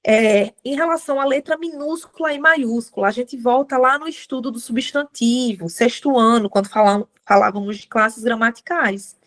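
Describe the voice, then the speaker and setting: A woman teaches a writing class, talking students through the rules in a friendly, chatty way. Her voice sits a little high, and she keeps checking in with the students as she explains. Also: moderate pace, few pauses, a bit bright. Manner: chatty, addresses students as gente, many tag questions. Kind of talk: live class lecture.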